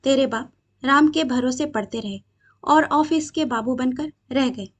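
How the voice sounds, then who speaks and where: A woman's voice: sits high, unhurried. Brief: woman reading as a troubled, defiant young man, earnest and aggrieved, storybook reading.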